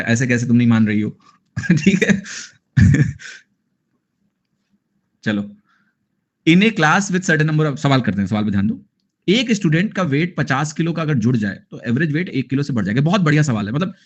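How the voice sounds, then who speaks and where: A man's voice: medium pitch, dull audio. Chatty Indian male math teacher. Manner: chatty, jokey, mixes Hindi with English phrases. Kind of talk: online math class with chatty asides.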